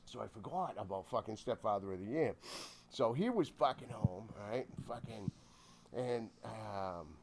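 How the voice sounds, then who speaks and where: Animated, swearing middle-aged man. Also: on the low side, unhurried, vocal fry, a little hiss or hum. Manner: animated, swears constantly, shouts out quoted lines. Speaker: podcast guest. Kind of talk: casual storytelling.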